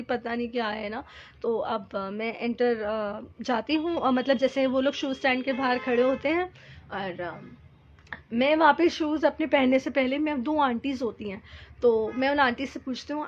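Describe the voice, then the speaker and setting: A woman telling a heartfelt devotional testimony, speaking earnestly and haltingly, with many fillers and English words mixed in. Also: high-pitched, highs cut off. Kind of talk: personal spiritual testimony.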